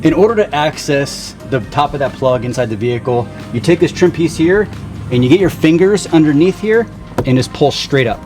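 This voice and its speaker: Hosting a vlog, a man talks casually through a hands-on how-to, laying out plain, informal steps. His voice is fairly high with lively intonation and a normal speed, heard over music.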